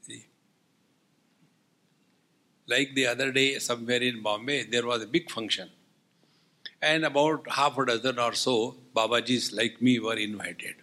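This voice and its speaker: A man with an Indian accent gives a spiritual discourse as a swami, his mid-range voice sharp in tone, a little slow, with long pauses. He tells humorous anecdotes wryly, teasing his listeners with rhetorical questions.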